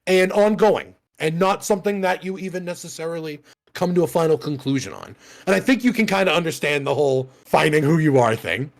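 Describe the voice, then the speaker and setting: This is a man in his thirties co-hosting a podcast, his voice a little high and gravelly, with lively intonation and a fairly quick delivery. The chat is casual, rambling and profane, and he often laughs at himself.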